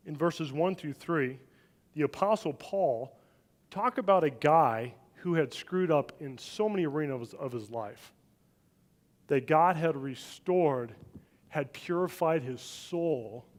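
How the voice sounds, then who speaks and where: A middle-aged man preaching a sermon, telling a family story with animated, loud swings when he acts out what people said. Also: on the high side. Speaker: pastor. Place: church sanctuary.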